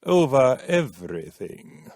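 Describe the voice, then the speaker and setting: A man's voice: medium pitch, sing-song, slow pace, darkish tone, no room sound, studio quality. An actor playing a pompous old king of a tiny planet, commanding and sputtering in an audiobook drama.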